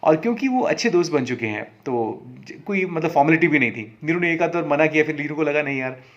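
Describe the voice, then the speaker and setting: A man's voice: on the high side, animated, fast talker, a bit bright. A man telling a story in a casual, conversational way as a show host, often correcting himself mid-sentence. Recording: slightly dull lo-fi recording.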